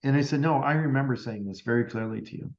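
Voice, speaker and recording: A man's voice: mid-range voice, quick pace, a little mellow. A man who is a medium, guesting on a podcast, recounting an experience in casual chat and acting out both sides of each conversation, with plenty of "like" fillers. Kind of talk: storytelling in a casual interview. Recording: roomy and slightly dull sound.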